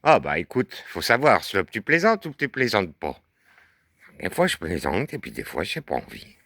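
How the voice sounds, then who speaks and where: A man with a very low, deep bass voice who bends his pitch all over as he jokes. His tone is bright and forward, the sound dry and close, and he drawls teasing, playful banter. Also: huge pitch swings, moderate pace, gravelly, no room sound. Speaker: puppet-show host. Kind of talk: improvised comic banter. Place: garden outdoors.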